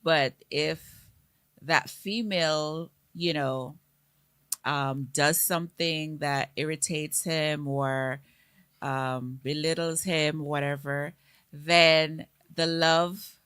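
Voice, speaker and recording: Low-voiced woman, slow earnest chat, dry close sound. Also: steady tone, fairly bright tone, smooth, no room sound. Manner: earnest, explains with repeated examples. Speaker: co-host. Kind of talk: casual live-stream chat.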